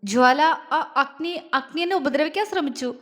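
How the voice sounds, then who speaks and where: A woman's voice: sits high, moderate pace, lightly acted. A woman voicing a scheming woman who pleads in a weak, faltering, tearful voice. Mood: tearful pleading.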